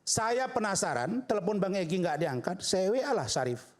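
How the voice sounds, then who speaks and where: A man's voice: high-pitched, sing-song, moderate pace. A man, a lawyer, telling a story in a talk show interview, acting out the dialogue and repeating himself for stress. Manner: recounts events by acting out quoted dialogue.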